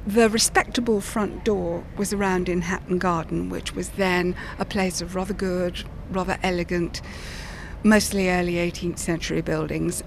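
A woman's voice: lowish voice, fairly even intonation, moderate pace, creaky. A woman guides a walking tour, explaining history with knowing, wry asides. She talks outside on a street, with traffic faintly passing behind. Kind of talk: casual on-site explanation. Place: outdoors on a city street.

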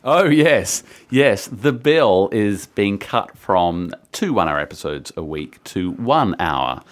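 A man's voice: on the low side, expressive, takes it slowly. A man talking as a media journalist in casual chat, telling gossip in a knowing way.

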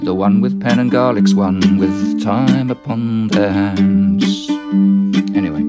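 Backed by plucked guitar, a poet and comedian delivers comic spoken-word verse in a fairly low voice at a slow pace. The performance is playful and whimsical, rhythmic and rhyming.

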